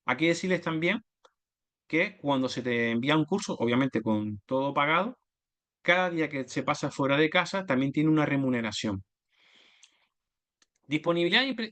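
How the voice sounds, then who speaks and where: A man's voice: fairly high pitch, a bit bright. A man giving an explanatory slide presentation, methodically listing points and correcting himself mid-word. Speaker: oil and gas business development manager giving a talk.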